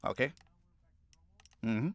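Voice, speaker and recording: A man's voice: drawn-out words, no room sound, studio quality. A man voice actor in a recording booth, reading first-person narration takes and muttering to himself between them, often starting lines over. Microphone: studio microphone.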